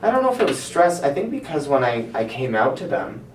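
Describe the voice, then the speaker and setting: Halting counselling client in an echoey room. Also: mid-range voice, big pitch swings. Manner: halting, informal, searching for words. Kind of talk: hesitant conversation. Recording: roomy, distant mic, faint noise.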